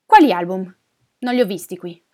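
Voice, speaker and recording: A woman's voice: mid-range voice, brisk, close to an everyday voice. A woman doing a harsh, dismissive man. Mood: hostile. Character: hostile middle-aged man who took a neighbor's house.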